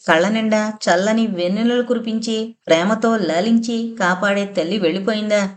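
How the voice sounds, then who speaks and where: A woman narrating a novel in a steady, measured storytelling voice. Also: on the high side. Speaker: audiobook narrator.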